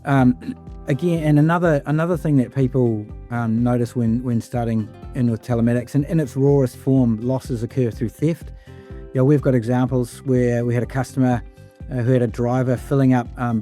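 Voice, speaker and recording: A man with a very dark, mellow voice speaks as a panelist, running through lists in a loose, filler-laden way. Faint music plays underneath. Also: mid-range voice, steady tone, moderate pace. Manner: casual, many fillers and lists. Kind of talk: panel discussion.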